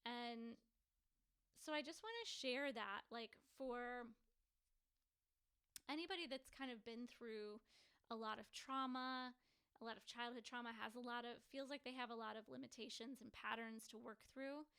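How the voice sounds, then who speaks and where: A woman's voice: fairly high pitch, a bit bright, smooth. A woman in her forties, sleepy and yawning, telling a personal story in a rambling, chatty way as a healing coach. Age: 40s. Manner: rambling, chatty, many fillers.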